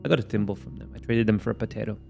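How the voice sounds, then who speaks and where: A man's voice: fairly low pitch, very fast, gravelly, darkish tone. A man taking part as a player in a tabletop fantasy game, improvising in casual chat. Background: music.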